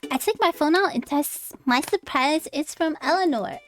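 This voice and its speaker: Reading a visual novel aloud on stream, a VTuber with a high voice keeps a moderate pace. Big pitch shifts and theatrical reactions mark her delivery, with soft music faintly behind her.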